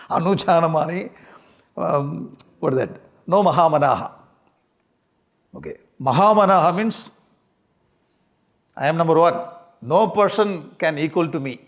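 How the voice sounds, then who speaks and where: A man with a South Indian accent giving an informal scripture lecture, speaking in an animated, humorous way and repeating key phrases. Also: a little high. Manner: animated, repeats phrases, light chuckling humour.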